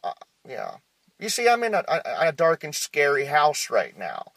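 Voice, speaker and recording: A man's voice: on the high side, normal speed, gravelly, no echo, full character voice, rough recording. A man voicing a nervous, quirky male publisher who rambles and stammers through a phone voicemail message. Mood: nervous rambling. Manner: hesitant, stammering, full of uh's, oddly deadpan rambling. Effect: played back as a phone voicemail message.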